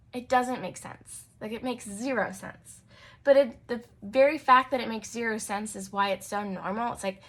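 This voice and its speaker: A woman's voice: mid-range voice, fairly bright tone. A young adult woman hosting her own podcast as a naturopathic doctor, talking casually with frequent fillers and light laughs. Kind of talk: casual solo podcast talk.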